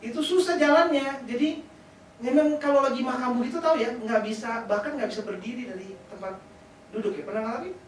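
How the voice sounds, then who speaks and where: A man's voice: very high voice, brisk. A man preaches a sermon as pastor, keeping it chatty and joking and throwing rhetorical questions to the congregation. His voice rings through a very echoey church hall with faint hiss, picked up from some distance off the mic.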